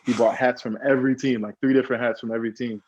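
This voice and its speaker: A man's voice: medium pitch, flat delivery, rapid-fire. A young American man in his twenties, a football player being interviewed, telling his story in an earnest, reflective way, often saying "bro" and "man". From United States. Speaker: guest, pro football player. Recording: dull, lo-fi dry sound.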